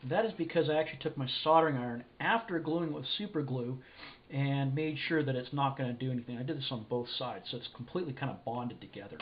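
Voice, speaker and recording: A sniffly man with a cold and a mid-range voice thinks aloud haltingly while assembling electronics at his indoor workshop bench, giving a casual hands-on walkthrough as a hobbyist builder. A camera mic above the bench captures dull lo-fi audio with faint hiss.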